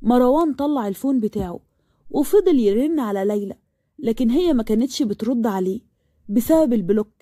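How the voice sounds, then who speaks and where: A woman's voice: on the high side, fairly quick, no echo, clean studio sound. A woman with an Egyptian accent narrating a romantic story expressively. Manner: expressive narration with acted dialogue.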